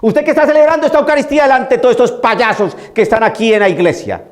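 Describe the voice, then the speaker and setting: A man playing a possessed man who shouts mocking insults at a priest. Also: very high voice, quick pace, voice pushed up. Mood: mocking, hostile.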